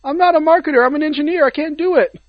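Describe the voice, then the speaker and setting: A man's voice: very high-pitched, quick pace, crowd noise, voice pushed up. A man voicing a frightened male engineer who pleads and whines. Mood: pleading. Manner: begging, whiny. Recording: slightly dull lo-fi audio.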